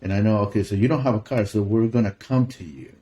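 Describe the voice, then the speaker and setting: A man's voice: lowish voice, quick pace, mellow. A middle-aged man from Peru, a native Spanish speaker, answering interview questions in an earnest way, often restarting his sentences. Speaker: pastor.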